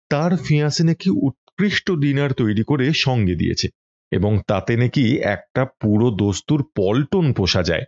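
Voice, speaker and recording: Male audiobook reader, husky, measured and expressive, dull lo-fi sound. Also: mid-range voice. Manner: measured, expressive literary reading. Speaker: storyteller reading a book aloud. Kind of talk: audiobook reading.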